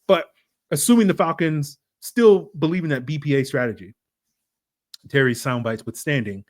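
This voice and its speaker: A man's voice: a little high, normal speed. A man hosting a football podcast, talking through draft prospects in a loose, conversational way with lots of fillers and restarts. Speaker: podcast host. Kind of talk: casual sports analysis podcast.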